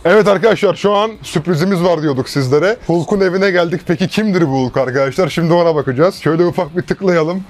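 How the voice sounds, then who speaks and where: A young man hosting a gym tour, quick, joking and enthusiastic, recorded indoors on a lapel mic. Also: high-pitched. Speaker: fitness youtuber host. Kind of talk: casual gym tour chat. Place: home gyms, indoors.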